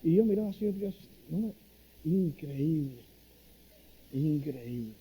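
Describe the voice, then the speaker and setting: A man's voice: on the high side, unhurried, breathy edge. A middle-aged man from Cuba preaching a sermon, telling stories and acting out quoted lines with a raised voice. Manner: storytelling, animated, acts out quotes in a raised voice. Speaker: pastor.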